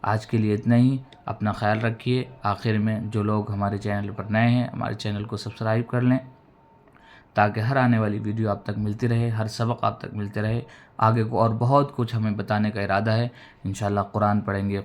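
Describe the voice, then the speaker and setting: A man teaching Quran reading in a recorded lesson. He drills syllables slowly, drawing out the vowels, and explains each rule patiently. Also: fairly low pitch.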